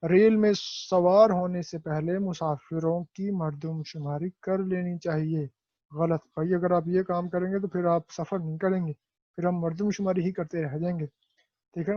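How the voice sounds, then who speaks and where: A male teacher with a Pakistani Urdu accent, explaining a textbook exercise and repeating words slowly so students learn how to say them. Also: high-pitched, warm tone, no echo, muffled recording. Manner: asks and answers his own questions.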